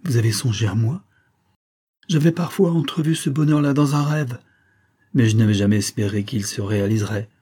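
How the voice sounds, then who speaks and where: A man's voice: medium pitch, brisk, mellow, natural voice. A man reading as a timid, dreamy suitor. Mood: flustered.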